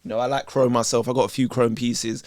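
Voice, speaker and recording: A man's voice: medium pitch, flat delivery, fast talker, darkish tone, no room sound, clean studio sound. A man, chatting casually while he reacts to videos, streetwise and loose. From England. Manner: chatty, streetwise, says "you know what I'm saying" often.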